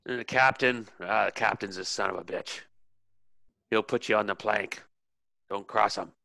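A man's voice: lowish voice, normal speed, vocal fry, pushed and bright, dry recording. A man voicing a drunk, rambling male ship lookout in a tabletop game. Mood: drunk gossip. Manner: slurred, gossipy sailor talk.

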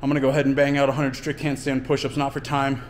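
A man's voice: mid-range voice, completely flat delivery, quick pace, a little hiss or hum. Winded man explaining a workout. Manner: explains training plainly between efforts, with fillers. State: out of breath. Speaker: fitness coach. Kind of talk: casual workout vlog talk. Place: home gym and outdoors in winter.

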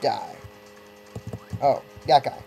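Brief: male let's-player, easygoing and slow-talking, mellow tone, chatty asides, faint game music underneath. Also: medium pitch, expressive, creaky, poor audio. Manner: rambling, self-interrupting, wry asides. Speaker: let's play gamer. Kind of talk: casual gameplay commentary.

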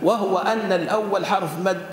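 High-voiced sheikh teaching grammar in an echoey hall. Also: male voice, fairly even intonation. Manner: drills word forms by repeating and stretching them slowly, quizzing students. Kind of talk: classroom grammar lesson with student call-and-response. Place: lecture hall with students. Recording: echoey hall with faint ambient noise.

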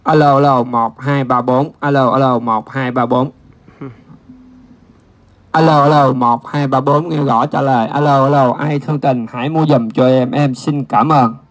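A man testing a microphone through a loudspeaker, calling and counting loudly over and over. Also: mid-range voice, steady tone, measured pace. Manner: loud repeated mic-check counting. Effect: amplified through a loudspeaker. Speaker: seller of used audio gear. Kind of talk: mic test through a speaker.

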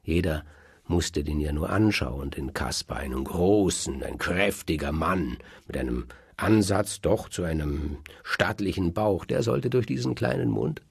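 A man telling old legends aloud in a lively, emphatic way, swinging between loud and hushed. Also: sits low, unhurried, gravelly, breathy edge, no echo. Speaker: storyteller. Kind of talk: oral storytelling of legends. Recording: dry close recording.

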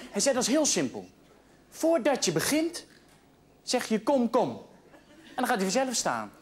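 A man telling jokes, acting out the characters with loud moaning and shouting. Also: sits high. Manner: swings into loud moaning and shouted voices for the punchlines. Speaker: joke teller.

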